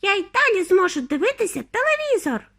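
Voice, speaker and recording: A woman voicing a tiny boy shrunk to mouse size, with a squeaky, whiny, demanding voice. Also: very animated, a little fast, a bit bright, full character voice. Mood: defiant.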